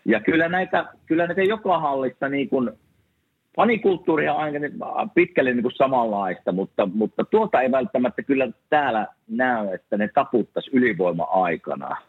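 A former hockey player chatting casually on a podcast, halting and full of restarts. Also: male voice, medium pitch, expressive, husky. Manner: halting, many restarts and fillers. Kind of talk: casual chat. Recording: tinny phone-like line, dry.

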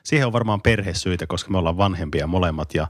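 A man's voice: deep voice, no room sound. A man co-hosting a casual podcast, a teacher reminiscing in a reflective way and laughing easily.

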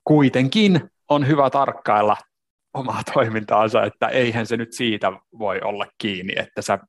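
Podcast co-host, male, deep gravelly voice, thoughtful conversational delivery. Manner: reflective, with many restarts and fillers. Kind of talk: casual discussion on work culture.

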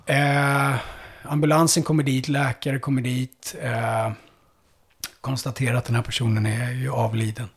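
A man who works as a police officer, recounting a hard call-out in a conversation, halting and full of fillers, dropping low and quiet at the heaviest parts. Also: level tone, husky. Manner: halting, with many fillers and restarts.

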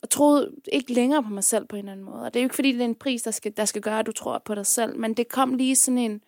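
Woman guest, candid activist, slightly high voice, dry sound, halting delivery. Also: darkish tone, dry recording. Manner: hesitant, searching for words; candid, swears casually. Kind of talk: casual conversation.

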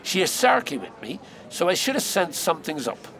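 An actor playing a cocky, wisecracking male pub piano player, telling his story with lively mimicry. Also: on the high side, a little fast.

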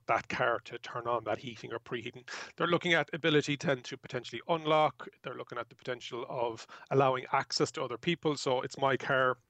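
A man's voice: mid-range voice, a bit bright, dry recording. A man talking conversationally as a guest electric car reviewer, explaining tech with enthusiasm and voicing little examples.

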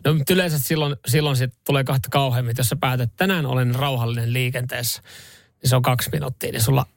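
A man's voice: medium pitch, steady tone, no room sound, clean studio sound. A man co-hosting a morning radio show in casual chat, rambling with restarts and casual swearing. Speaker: radio host. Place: radio studio. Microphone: studio microphone.

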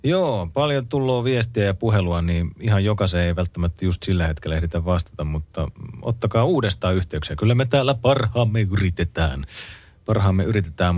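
Low-voiced male radio co-host, dry studio. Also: a little mellow, no room sound. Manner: easygoing, reads listener messages aloud. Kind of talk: casual late-night radio chat. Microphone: close studio microphone.

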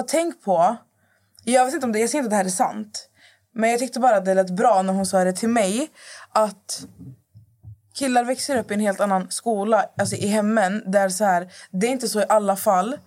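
A woman's voice: medium pitch, darkish tone. Woman, podcast guest, rambling, restarts sentences, mid-range voice. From Middle East. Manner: rambling, restarts and searches for words. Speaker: guest influencer. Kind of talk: casual podcast chat.

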